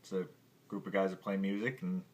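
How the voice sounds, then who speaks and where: Low-pitched and flat in delivery, this man speaks fairly quickly. He's the host of a music lesson podcast teaching at the piano, and in these casual outtakes he keeps fumbling his words, laughing at himself and swearing quietly, with his own piano or guitar in the background.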